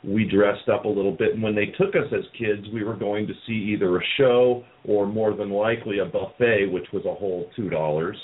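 A man's voice: fairly low pitch, brisk, hardly any pauses, a little hiss or hum. Nostalgic male host, tinny sound. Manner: nostalgic storyteller, does voices. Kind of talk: casual chat.

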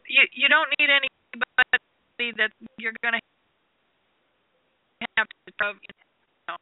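A woman hosting a call-in show, her voice over a garbled phone line that keeps breaking up, giving encouraging advice with pauses. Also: a little high. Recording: tinny dry phone line.

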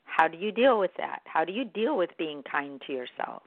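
A woman giving a gentle, encouraging and reflective motivational self-help talk. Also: low-pitched, lively intonation, normal speed, no room sound. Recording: dry, tinny phone-like sound.

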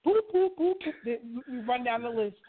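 A speaker in a casual chat acting out phone calls in a lively way, with little sound effects. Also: mid-range voice, moderate pace. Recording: tinny phone line with loud hiss.

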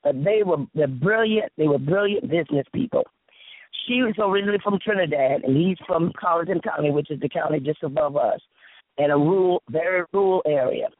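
A woman from the South Carolina Sea Islands, speaking with a Lowcountry Gullah Southern American accent, tells stories as an interview guest, animated and emphatic, repeating phrases and acting out dialogue. She talks fairly quickly. The dry recording has a narrow, tinny, phone-like quality.

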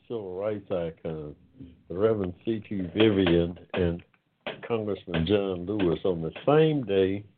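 An older man in his seventies hosts an online forum in a loose, unhurried monologue. His voice sits low, and he takes his time, pausing and stretching his words as he reflects. The sound is thin and boxy, like a phone call. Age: 70s. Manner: unhurried and reflective, with many pauses and drawn-out words. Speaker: host of an online talk forum. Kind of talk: casual monologue. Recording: tinny phone-line sound.

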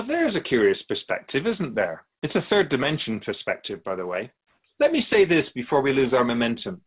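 Over phone-quality audio, a mid-range male voice plays a wise, otherworldly keeper of souls in a radio drama. Courteous, philosophical and wry, he tells stories in a measured way, sounding curious and gently challenging.

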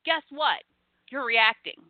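Fired-up woman ranting about wrestling fans, kinda high voice, sounds like a phone call. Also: slow, dry recording. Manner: animated, sassy, acts out fan reactions. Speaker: podcast co-host. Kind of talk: casual wrestling chat. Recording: thin phone-like line.

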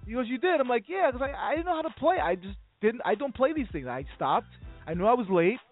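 A man's voice: very high voice, big pitch swings, fast talker. A man hosting a casual sports talk show, telling a rambling story and acting out the dialogue. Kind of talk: casual radio chat. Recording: phone-like audio with faint music.

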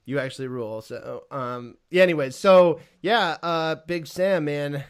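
An excitable podcast host with a somewhat high voice, chatting casually about football. He laughs often and swears freely. His delivery is loose and enthusiastic. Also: unhurried, clean tone.

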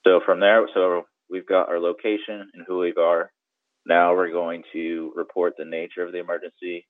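Speaking at a moderate pace in a deep, level voice, a man serves as a guest boating expert on the radio. He gives step-by-step instruction conversationally and keeps checking in with the listener, heard through a dry, narrow, tinny recording.

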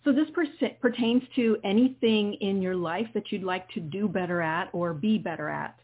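A woman guiding a meditation session as a healer, speaking in soothing, deliberate phrases with pauses. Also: mid-range voice, husky. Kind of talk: guided meditation, partly improvised spoken instruction. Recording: muffled, phone-like narrow sound.

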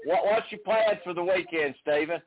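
A man's voice: high-pitched, normal speed. A man hosting a casual interview in an informal, folksy way. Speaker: show host. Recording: narrowband phone-like sound.

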